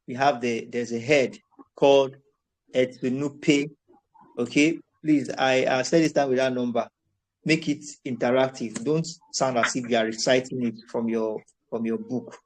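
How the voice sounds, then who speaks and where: A man's voice: medium pitch, steady tone, a little slow, a little mellow, poor audio. Man coaxing students through a class. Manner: coaxing, corrective, repeats and restarts phrases. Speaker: tutor. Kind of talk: live online class over voice chat.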